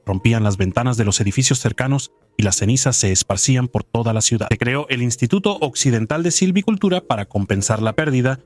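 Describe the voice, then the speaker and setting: A man giving scripted documentary narration in a measured, even storytelling delivery, recorded close as a voice-over. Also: mid-range voice, soft background music.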